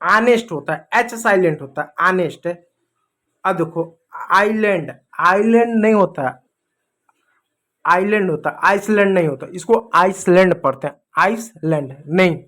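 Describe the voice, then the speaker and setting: A man's voice: high voice, normal speed, a bit bright. A man from India teaching English pronunciation, drilling each word over and over in a teasing, scolding way. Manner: repetitive, drilling words over and over. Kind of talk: classroom lesson.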